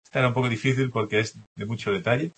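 A man's voice: medium pitch, fairly even intonation, racing, husky. A man teaching a language class, explaining test answers and often checking in with students. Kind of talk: classroom lecture going over test answers.

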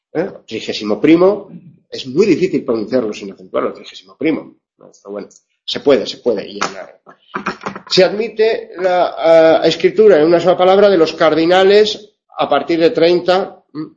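A man's voice: fairly high pitch, lively intonation, moderate pace, a little mellow. A man teaching a class, explaining things step by step with many fillers and check-ins, and correcting himself as he goes. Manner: self-correcting. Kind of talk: classroom lecture on Spanish grammar. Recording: dull lo-fi classroom recording.

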